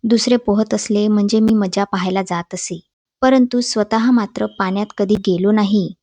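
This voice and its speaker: A woman narrating a textbook story in a clear, measured storybook reading. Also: medium pitch, fairly even intonation, a little mellow, no echo. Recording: dull dry voice-over.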